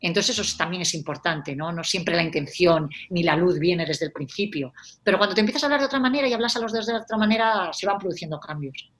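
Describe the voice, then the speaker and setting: A woman's voice: on the low side, fast. A woman, a life coach explaining ideas in a casual conversational way and acting out example phrases. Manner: animated, acts out example phrases.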